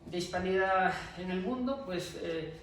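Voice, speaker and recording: A man with a high voice speaks as an academic panelist, wandering and hesitating through his phrases. He is heard from a distance, with heavy echo around him. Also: unhurried. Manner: hesitant, discursive, frequent check-tags. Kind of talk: academic panel talk, loosely improvised. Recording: very echoey, distant mic, faint noise.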